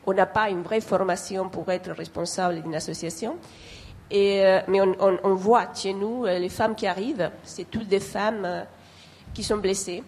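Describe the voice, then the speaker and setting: A woman's voice: medium pitch, steady tone, moderate pace, a little mellow. A woman with a foreign accent, not a native French speaker, speaking earnestly and hesitantly off the cuff, repeating phrases as she searches for words. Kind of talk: spontaneous remarks at a public discussion.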